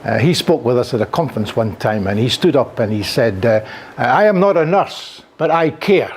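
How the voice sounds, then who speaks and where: An older Scottish man with a Scottish accent delivers a conference lecture in a classroom with a projector, captured by a camera at the back of the room. He is animated, gestures freely, and uses frequent fillers. His voice is medium in pitch at a normal speed, with a little hiss or hum on the recording.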